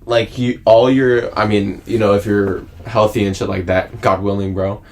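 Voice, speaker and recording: A man's voice: on the low side, little pitch movement, moderate pace. A man in his twenties, a podcast co-host in casual chat, rambling in slang and saying bro a lot. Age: 20s.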